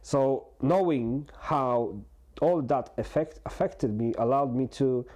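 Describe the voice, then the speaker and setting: A man in his forties talking candidly in a conversation, halting and earnest, with many restarts and fillers. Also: mid-range voice, warm tone. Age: 40s. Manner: earnest and open. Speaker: guest.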